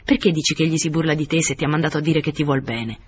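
A man's voice: fairly high pitch, very fast, a little hiss or hum, close to an everyday voice. A man reading the lines of an anxious older noblewoman in an audiobook, speaking in a pleading, questioning way.

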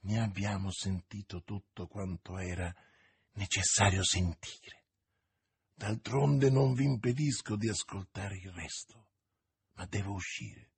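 A man voicing a composed, secretive musketeer in an audiobook, speaking low and hushed. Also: expressive, measured pace, slightly rough.

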